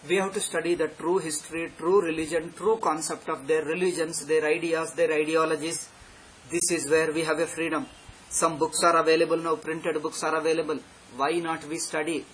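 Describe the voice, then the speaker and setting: High-pitched man teaching, noisy recording. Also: little pitch movement, normal speed. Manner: emphatic and repetitive, restating phrases. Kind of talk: extempore religious discourse. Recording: clearly noisy live recording.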